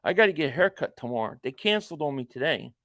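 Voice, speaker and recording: A man in his forties hosts a laid-back stream reacting to football, rambling through viewer comments with jokey asides. His voice is a little high, animated, and a bit bright, and he talks fast. It's studio-quality audio with no room sound.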